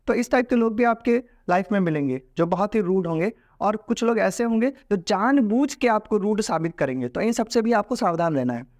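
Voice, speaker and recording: A man's voice: high-pitched, expressive, fairly quick, hardly any pauses, a little mellow. A man with an Indian accent teaching a lesson in a casual, explanatory way, mixing Hindi and English. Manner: explanatory, mixes Hindi and English, acts out example voices.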